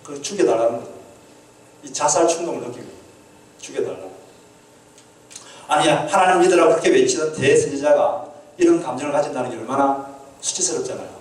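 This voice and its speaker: A man's voice: on the high side, a little fast, pauses often, darkish tone. Male pastor, sermon, earnest questions to the congregation, echoey hall, heard from a distance. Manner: earnest, asks the congregation questions, acts out quoted prayers.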